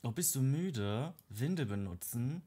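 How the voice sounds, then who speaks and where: A man hosting a casual game let's play, gushing and excitable, often squealing up high over cute moments. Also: a little slow, breathy edge. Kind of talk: casual gameplay commentary.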